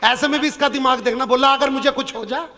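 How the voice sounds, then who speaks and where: A man telling a comic story on stage at a poetry gathering. He acts out the characters and shouts some of their lines. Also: very high voice, steady tone, quick pace, a faint crowd. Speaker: stage poet. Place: outdoor stage event with audience laughter.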